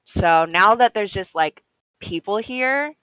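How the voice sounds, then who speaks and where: Slow, bright-voiced woman playing a tabletop game. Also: mid-range voice, expressive, clear, resonant tone, no room sound, rough recording. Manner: giggly, flustered, apologetic. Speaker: player.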